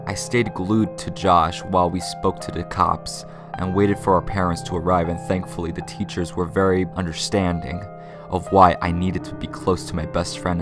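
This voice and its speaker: A man narrating creepy first-person stories from a script in a measured, dramatic storytelling way. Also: deep voice. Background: music bed.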